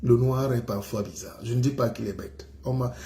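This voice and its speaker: A man's voice: mid-range voice, moderate pace, dark tone, a little hiss or hum. A man hosting a live stream, delivering rambling, joking rants in a casual monologue. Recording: roomy echo.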